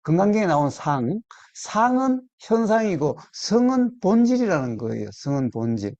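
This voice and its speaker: A man giving a Buddhist dharma talk, slow and deliberate, repeating key words and quizzing his listeners. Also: high voice, big pitch swings, a little mellow, no echo, highs cut off. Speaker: Buddhist meditation teacher. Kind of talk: dharma talk to a small group.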